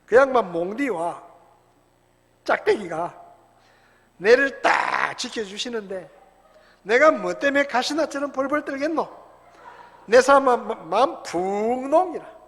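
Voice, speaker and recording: A man putting on a Gyeongsang dialect to voice a boisterous, rough-spoken countryman reciting a psalm loudly and folksily. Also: very high-pitched, lively intonation, unhurried, long pauses, voice pushed up, exaggerated voice. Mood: hearty, boastful. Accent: Gyeongsang dialect, put on. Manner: loud, hearty, rustic folksy delivery. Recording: long church hall reverb.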